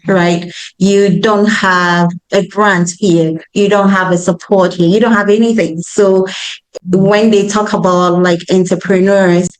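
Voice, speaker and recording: A woman's voice: mid-range voice, poor audio. A woman with a West African, Ghanaian accent, answering interview questions earnestly and emphatically, often checking in with "right?". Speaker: school founder, interview guest.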